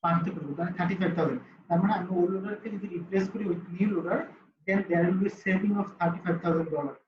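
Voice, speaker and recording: Male teacher, brisk question-and-answer style, roomy online-call sound. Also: high-pitched, background noise. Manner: quizzes students, answers own questions. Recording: roomy, slightly dull call audio with faint ambience.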